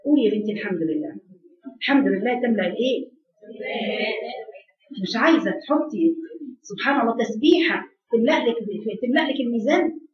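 A woman's voice: fairly high pitch, animated, fast talker, long pauses. Fervent Egyptian woman preacher, echoey and far. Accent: Egyptian Arabic. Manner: fervent, rhetorical questions, repeating phrases. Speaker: religious preacher. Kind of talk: Egyptian Arabic religious lesson. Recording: echoey, distant, dull lo-fi sound.

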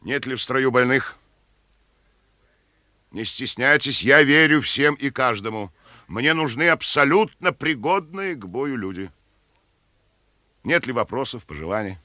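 An actor playing a solemn, resolute Soviet naval commander, addressing his men with measured, fatherly authority in a war drama. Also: medium pitch, expressive, pushed and bright, dry recording, clean studio sound.

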